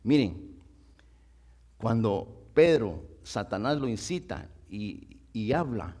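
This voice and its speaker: Animated man teaching a Bible study. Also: fairly low pitch, slow pace. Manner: asks the congregation rhetorical questions; emphatic, repeats and restarts phrases.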